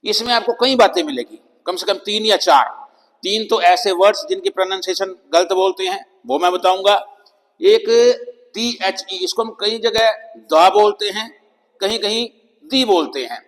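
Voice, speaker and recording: A man with a Hindi accent teaching English pronunciation, slowly spelling out letters and repeating example words one by one. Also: sits high, a bit bright. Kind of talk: classroom-style pronunciation lesson. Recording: long reverb of a hall-like room.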